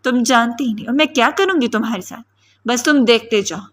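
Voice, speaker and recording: A woman reading the part of a furious, jealous young wife who throws shrill accusations in an audiobook. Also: lightly acted. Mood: threatening.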